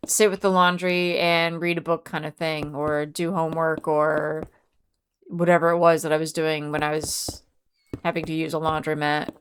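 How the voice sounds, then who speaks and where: A woman's voice: low-pitched, flat delivery, normal speed, a little hiss or hum. A woman streamer chatting casually with her viewers, reading out and answering chat messages. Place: home.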